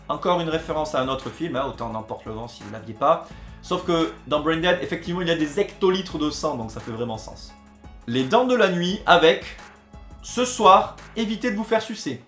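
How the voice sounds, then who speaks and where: A man hosts a comedy video and jokes sarcastically in a mock-dramatic way. His voice sits high and swings all over the place. The recording has a roomy echo and faint music underneath. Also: very animated, normal speed, fairly bright tone. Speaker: host of a comedy video series.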